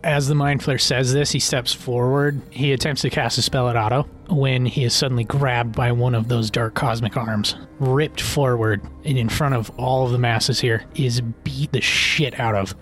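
Game master, male, middle register, improvised fantasy narration, soft music underneath. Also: mid-range voice, fairly even intonation, moderate pace, hardly any pauses. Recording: music behind.

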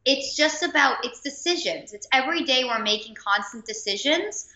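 Bright, forceful woman in a roomy recording. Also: high-pitched, expressive, moderate pace. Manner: emphatic, informal, sweary. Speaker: podcast guest. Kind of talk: casual motivational conversation. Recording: roomy, dull lo-fi audio.

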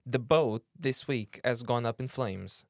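A man's voice: mid-range voice, measured pace, no echo, studio quality. Teasing young man on a podcast. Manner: jokey, teasing, swears freely, puts on silly voices. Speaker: podcast co-host. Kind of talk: casual chat.

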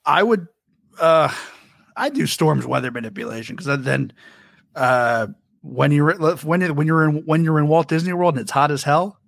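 A man's voice: a little high, normal speed, gravelly, no echo, clean studio sound. A man hosting a casual podcast chat, chatty and reading out listener comments. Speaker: podcast host.

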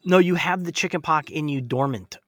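A man's voice: a little high, brisk, fairly bright tone, no room sound, clean studio sound. A middle-aged man co-hosting a casual podcast, chatting informally and emphatically from inside a closet. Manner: informal, emphatic, swears freely. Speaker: podcast co-host. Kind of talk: casual chat. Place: inside a clothes closet at home.

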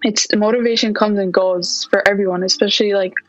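A woman's voice: medium pitch, brisk, no echo, muffled recording, faint music behind. A young woman from Palestine, a guest on a podcast, talking casually about her fitness coaching, with plenty of "like" and "yeah" fillers. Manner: relaxed, lots of "like" and "yeah". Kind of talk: casual interview chat.

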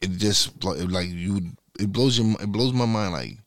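A man's voice: low-pitched, lively intonation, moderate pace, no echo. A man in his mid-forties speaking candidly in a conversational interview, often restarting and searching for words. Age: 40s.

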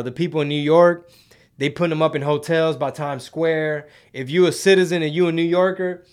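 Male livestream host, casual commentary, slangy and conversational delivery aimed at his audience. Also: medium pitch. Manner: slangy, conversational, rhetorical questions to viewers. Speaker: host of a live commentary show and podcast.

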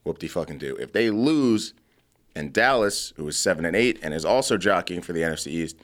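Blunt, profane deep-voiced podcast host. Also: male voice, expressive, brisk, a bit bright. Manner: chewing gum while talking. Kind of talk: casual sports chat.

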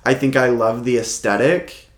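A man's voice: medium pitch, steady tone, moderate pace. Young male podcast co-host, casual and rambling, roomy echo. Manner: rambling, full of fillers and restarts. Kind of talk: casual chat.

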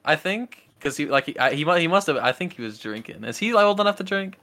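A man's voice: a little high, very animated, quick pace, pushed and bright. A young man co-hosting a casual podcast, telling rambling stories and laughing often. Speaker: podcast co-host. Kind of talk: casual chat.

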